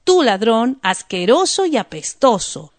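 A woman voicing a flustered, agitated male detective in a read-aloud story, often shouting. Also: a little high, big pitch swings, a little slow, no room sound.

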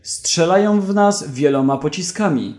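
A man voicing a cocky young male smuggler who shouts urgently amid danger. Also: fairly high pitch, expressive, a little slow, pitched above the performer's own voice.

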